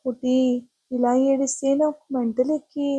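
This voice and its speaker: A woman voicing a gruff, doting young man. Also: high-pitched, steady tone, normal speed, dark tone, poor audio. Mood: worried scolding. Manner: scolding yet tender.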